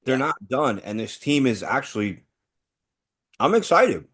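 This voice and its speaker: A man's voice: mid-range voice, measured pace, slightly rough. A man co-hosting a casual sports podcast, talking eagerly and upbeat. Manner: eager and upbeat, rising excitedly. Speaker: podcast co-host.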